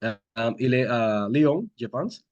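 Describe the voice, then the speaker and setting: A man hosting an online meetup, opening it with a formal, measured welcome. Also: medium pitch, lively intonation, darkish tone, no room sound, dull audio. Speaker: host introducing a speaker.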